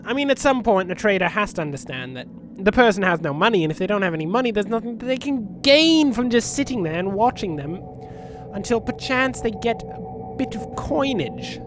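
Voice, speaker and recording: A let's play host with a sniffly, runny nose offers joking, rambling commentary and talks back to the game's characters. His voice sits high with big swings in pitch, and he speaks a little fast. Game music and spaceship sounds fill the background.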